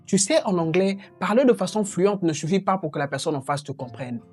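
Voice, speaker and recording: A woman's voice: on the low side, expressive, brisk, darkish tone, slightly rough, soft background music. A woman teaching English pronunciation online, talking directly and encouragingly to the viewer.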